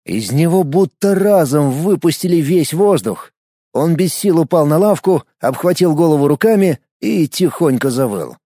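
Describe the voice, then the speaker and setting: A man reading an audiobook with expressive storytelling. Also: on the high side, moderate pace, no room sound, clean studio sound. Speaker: audiobook narrator. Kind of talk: scripted narration.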